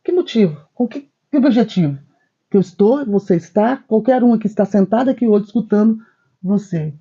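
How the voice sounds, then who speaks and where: A woman's voice: animated, a little fast, mellow, breathy edge, highs cut off. A woman co-hosting a spiritist discussion program, speaking emphatically and telling stories with quoted dialogue. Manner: wide swings of pitch when stressing points. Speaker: co-host.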